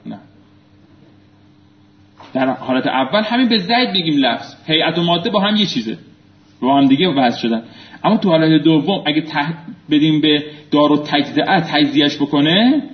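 Animated male teacher in an echoey classroom. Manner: animated, quizzing students, swinging between loud prompts and low asides. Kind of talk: classroom lecture with call-and-response drilling. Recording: echoey room, muffled lo-fi sound.

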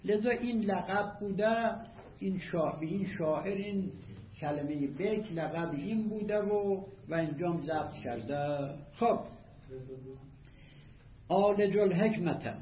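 Measured man lecturing in an echoey room. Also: high-pitched. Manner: measured, explanatory, reads quotes aloud then glosses them. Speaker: teacher of Arabic rhetoric. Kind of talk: classroom lecture, explaining a text line by line. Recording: echoey room, slightly dull lo-fi audio.

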